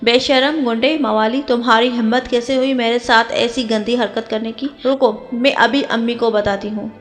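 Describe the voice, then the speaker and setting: A woman's voice: on the high side, fairly even intonation, faint music behind, close to an everyday voice. A woman voicing a naive, childish young bride who whines and refuses, with long hall reverb. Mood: petulant.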